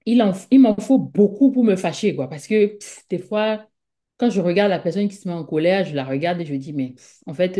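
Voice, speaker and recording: A woman from Africa speaks as a guest in a conversational talk, her voice mellow and warm. She rambles, leaning on fillers and repeated words. Now and then she acts out her own thoughts as quoted speech, at a middle pitch. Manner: rambling, full of fillers and repetitions.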